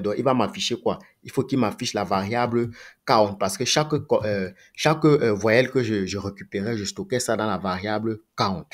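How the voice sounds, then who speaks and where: A man teaching a coding tutorial, thinking aloud, asking himself rhetorical questions and repeating phrases as he goes. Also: lowish voice. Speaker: programming tutor. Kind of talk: screen-recorded coding tutorial.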